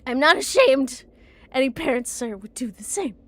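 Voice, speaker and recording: A woman's voice: mid-range voice, flat delivery, moderate pace, a little mellow, natural voice. A woman voicing a defiant, reproachful mother in a dramatic mystery game. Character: defiant, self-justifying mother confessing to poisoning her husband.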